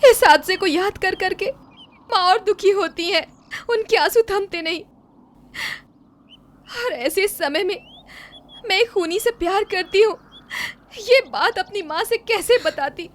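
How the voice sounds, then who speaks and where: A woman's voice: very high-pitched, a little slow, long pauses, fairly bright tone. An actress dubbing a grieving young woman in a film, confiding her sorrow. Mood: sorrowful. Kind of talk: Hindi film dub acting.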